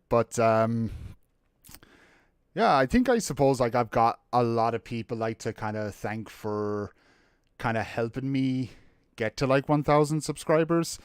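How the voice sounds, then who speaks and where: A man's voice: medium pitch, clear, resonant tone, no echo, studio quality. A man chatting casually on his live stream, rambling, swearing freely and greeting viewers by name, a bit out of breath.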